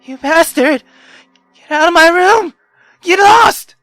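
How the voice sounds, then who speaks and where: A man's voice: very high-pitched, lively intonation, takes it slowly, a bit bright, dry recording, soft background music, voice pushed up, heavily acted. A man voicing a volatile, desperate young woman from a visual novel, in an overwrought way. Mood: furious. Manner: overwrought, pleading or snarling.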